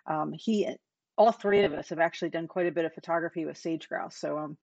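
A woman hosting a podcast, introducing her guest in a relaxed way with a few fillers. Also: sits low, a little fast, creaky, no room sound. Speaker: podcast host. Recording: dry, dull lo-fi sound.

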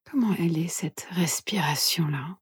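A woman meditation instructor guides mindfulness practice in a soft, breathy, soothing near-whisper, leaving gentle pauses. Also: fairly low pitch, dry recording, clean studio sound. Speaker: meditation instructor and podcast host.

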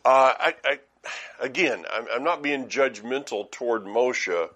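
A man's voice: mid-range voice, unhurried, bright, forceful tone. A middle-aged man giving an informal Bible teaching, talking conversationally with many restarts and fillers.

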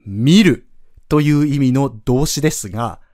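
A man's voice: mid-range voice, a little slow, darkish tone, dry recording, studio quality. A man teaching a pronunciation lesson on a podcast, explaining patiently step by step and demonstrating sounds aloud. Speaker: French language teacher.

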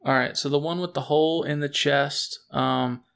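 A man's voice: on the high side, fairly even intonation, moderate pace, gravelly, a bit bright, smooth. A man chatting casually as a player in a tabletop game, with dry, wry remarks.

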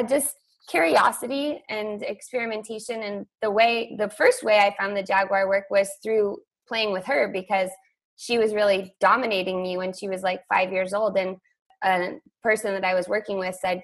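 A middle-aged woman with a gravelly, fry-laced voice chats her way through a story, friendly and loose with fillers. Her pitch sits in an ordinary middle range. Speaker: guest. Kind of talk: casual conversation.

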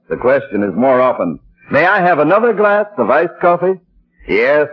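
A man's voice: fairly high pitch, breathy edge. A man speaking as a 1940s old-time radio announcer, reading scripted sponsor copy with polished salesmanship. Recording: dull vintage radio broadcast with loud music.

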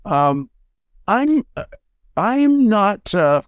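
Older guy, music prof, thinking out loud with lots of uhs and restarts, dry recording. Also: high voice, sing-song, smooth, dry recording, highs cut off. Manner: halting, many fillers and restarts. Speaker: award recipient, music professor. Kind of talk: reflective acceptance talk.

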